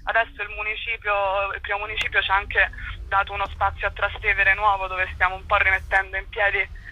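Speaking a little fast with little pitch movement, a young woman from a cultural association chats as a radio interview guest, pausing to find her words. Her mid-range voice is bright and forceful, captured with lo-fi sound.

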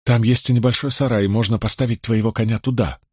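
A man's voice: medium pitch, steady tone, fast talker, husky, no echo, studio quality, natural voice. A man voicing a proud, anxious young priestess who speaks sharply and nervously. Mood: pleading.

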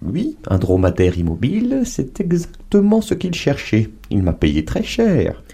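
A man's voice: mid-range voice, wildly swooping pitch, creaky, dark tone, breathy edge, exaggerated voice. A man doing a sly, teasing old camel. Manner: sly, chuckling, drawn-out hums. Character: wily, teasing male dromedary, playful and proud.

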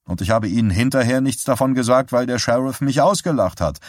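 A man voicing an older male doctor who talks in an earnest, halting, apologetic way. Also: medium pitch, animated, dry recording, clean studio sound, pitched above the performer's own voice, natural voice. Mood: earnest, troubled.

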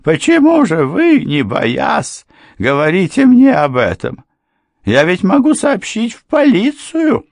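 A man reading an audiobook and voicing a frightened middle-aged woman housekeeper with a high, shrill, tearful voice. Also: wildly swooping pitch, slow pace, creaky, no room sound, studio quality, exaggerated voice. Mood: defensive.

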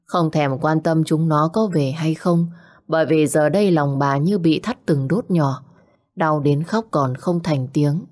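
A woman telling an audio story as a narrator, in a slow and somber way. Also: deep voice, a little mellow.

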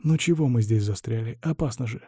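A man's voice: mid-range voice, fairly quick, mellow, breathy edge, no echo, studio quality, close to an everyday voice. A male narrator voicing a cowardly fake writer who whines and shrieks hysterically in an audiobook. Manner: whiny, hysterical. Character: whiny cowardly older male writer, a count.

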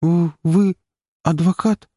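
A man's voice: a little high, fairly even intonation, slow, dark tone, dry recording, clean studio sound, voice pushed up. A man reading an audiobook, voicing a terrified young woman who pleads and sobs in panic. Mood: timid. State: sobbing, panicked. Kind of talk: audiobook character voice.

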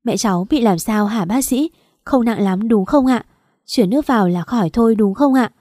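A woman's voice: medium pitch, measured pace, dark tone, dry recording, studio quality, lightly acted. A woman voicing a distraught young daughter who speaks in a tearful, pleading way.

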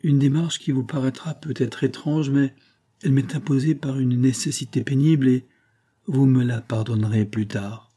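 An older mother pleads and frets in a higher, strained tone, as a male reader puts her on. Her voice stays soft-edged and slightly husky, full of tearful feeling in this storybook reading. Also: steady tone, moderate pace, close to an everyday voice. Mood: anxious. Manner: pleading, emotional delivery. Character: anxious aging mother, proud and tearful. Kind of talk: audiobook reading.

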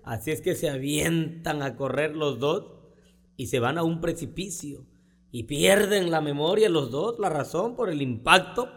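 A man's voice: fairly high pitch, animated, a little slow. A man from Costa Chica, Mexico, telling bawdy jokes in a boisterous way, with a Costa Chica Mexican accent. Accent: Costa Chica Mexican Spanish. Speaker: comedian. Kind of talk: comic joke telling. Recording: reverberant recording with salsa music.

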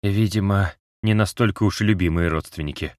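A biting, cold talking cat in an audiobook, as a deep-voiced male narrator puts him on, pitched up and curt. The sound is dry and close-miked. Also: fairly quick, darkish tone, no echo, lightly acted. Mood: harsh. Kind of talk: audiobook character voice.

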